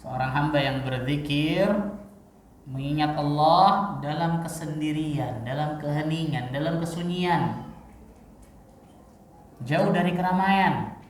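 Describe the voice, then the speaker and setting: A man preaching a sermon in a lively teaching manner, full of rhetorical questions and casual asides. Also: on the high side, takes it slowly, long pauses, a little hiss or hum. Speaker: Islamic preacher. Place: mosque. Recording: echoey hall, mic far off.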